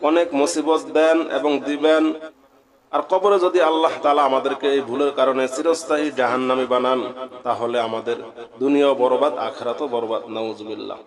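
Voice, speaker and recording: A man giving a religious pronunciation lesson, earnestly spelling out letters one by one and chanting the verses in slow, drawn-out recitation. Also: mid-range voice. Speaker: Quran recitation teacher.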